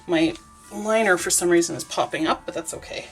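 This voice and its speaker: A young woman with a lowish voice narrates a casual vlog while making soap, talking briskly over faint background music. Her nose is stuffy and sniffly, and she laughs often, rambling with plenty of fillers.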